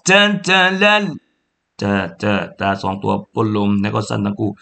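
A man teaching Quran recitation, chanting verses very slowly and then explaining pronunciation sound by sound in a relaxed, lower voice. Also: creaky. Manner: says polite particles often and repeats sounds to demonstrate.

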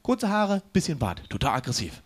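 A man doing a stand-up routine on stage, brash and mocking, with quick asides to the crowd. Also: medium pitch, very animated. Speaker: stand-up comedian. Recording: live stage with faint background noise.

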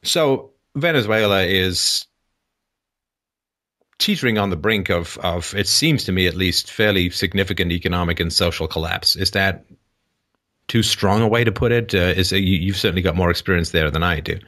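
A man with a fairly low voice hosts a call-in show. He explains history in a loose conversational flow, stopping often on "um" and restarting his phrases. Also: moderate pace, sharp tone. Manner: hesitant, frequent ums and restarts.

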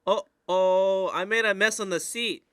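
Little boy needing the potty, read by a guy, slow and bright, dry sound. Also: sits high, steady tone, clear, resonant tone, no echo, exaggerated voice. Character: little boy asking for help on the toilet. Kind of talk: scripted dialogue for learners.

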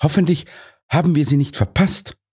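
A man's voice: fairly high pitch, normal speed, mellow, husky, voice pushed up. A man voicing a stern male first officer who admonishes the others.

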